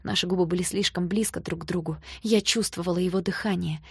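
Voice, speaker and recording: A woman narrating a first-person novel with an expressive, emotional reading. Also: on the low side, fast talker, slightly rough, dry recording, clean studio sound. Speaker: audiobook narrator.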